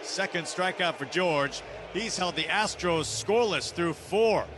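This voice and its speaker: Speaking a little slowly in a high-sitting voice, a man provides live radio play-by-play of a baseball game, with constant outdoor stadium ambience in the background.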